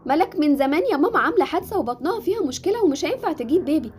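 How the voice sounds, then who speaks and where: A woman's voice: high voice, big pitch swings, very fast, soft background music. A woman with an Egyptian accent acting in a home-made melodrama, speaking in a tearful, pleading way. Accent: Egyptian Arabic. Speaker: channel host voicing a home-made drama.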